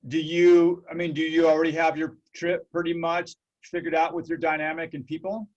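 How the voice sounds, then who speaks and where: A man's voice: on the high side, little pitch movement, normal speed, a little mellow, highs cut off. Earnest man hosting. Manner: rambling, earnest, reflective. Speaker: host. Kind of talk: casual interview.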